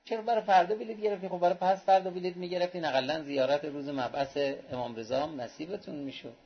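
A man's voice: sits high, steady tone, breathy edge, dull audio, pitched above the performer's own voice. A man quoting an elderly male cleric who coaxes and questions in a raised voice. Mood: coaxing. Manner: coaxing, questioning.

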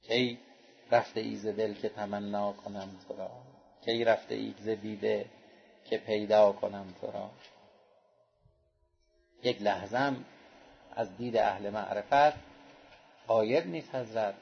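A man's voice: steady tone, gravelly, pauses often, muffled recording, a little hiss or hum. A man preaching a sermon, telling anecdotes and acting out the people he quotes. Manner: storytelling, acts out quoted speech with raised pitch.

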